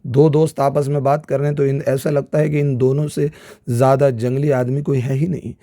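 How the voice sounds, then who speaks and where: Gravelly, mellow-voiced male teacher. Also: mid-range voice. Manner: animated, keeps asking if students follow; slow, stressed delivery with acted examples. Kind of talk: classroom lecture.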